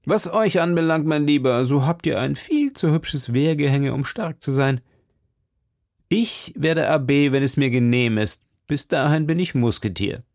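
A man's voice: a little high, animated, measured pace, a little mellow, no echo, clean studio sound. Aramis, a man doing a sly mocking musketeer. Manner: mocking, patient, needling. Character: sly witty male musketeer, would-be priest.

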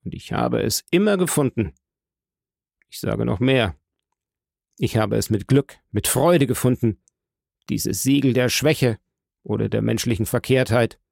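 A man's voice: mid-range voice, measured pace, vocal fry, long pauses, darkish tone, no room sound. A man playing a stern, bitter prosecutor. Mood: feverish. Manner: dry firmness turning to feverish rhetoric. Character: stern, bitter male state prosecutor, fervent.

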